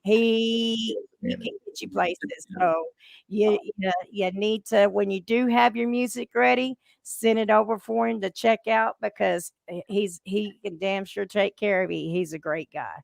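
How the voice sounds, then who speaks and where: A brash woman hosts a casual podcast chat, trading salty stories. Her voice has a heavy gravelly fry. The sound is dry and close, with no room around her. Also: mid-range voice, fairly even intonation, a little slow, no echo. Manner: brash, salty storytelling with laughs. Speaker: podcast host.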